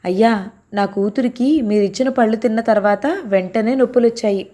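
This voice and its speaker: A woman's voice: on the high side, moderate pace, mellow, natural voice. A woman voicing a humble middle-aged male temple security guard who speaks in an imploring way, in an audio story. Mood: pleading.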